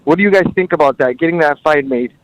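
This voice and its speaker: A man phones in to a talk show from behind the wheel, his voice sitting high and dry. He rushes his points and swears casually as he speaks. Now and then he drifts away from the car phone's mic. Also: dry recording, rough recording. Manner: hurried, blunt, swears casually. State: calling in by phone while driving a car. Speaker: caller to a call-in show. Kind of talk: casual call-in chat.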